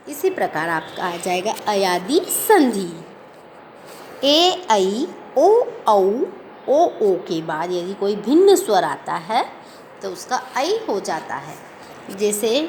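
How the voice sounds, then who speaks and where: A woman teaching a grammar lesson, sounding out example words slowly and asking questions she then answers herself. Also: mid-range voice, background noise. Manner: slow, drawn-out pronunciation of example words; asks the listener questions and answers them.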